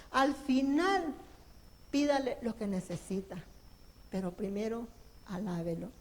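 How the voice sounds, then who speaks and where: A woman's voice: a little high, dark tone. A woman preaching an evangelical sermon in a church, fervent and pleading, who sings hymn lines and acts out quotes.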